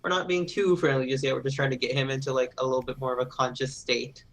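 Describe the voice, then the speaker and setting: A man at mid pitch, talking as a player at a tabletop game. He speaks casually, thinking aloud with pauses and "um"s while declaring his moves. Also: flat delivery, fairly bright tone.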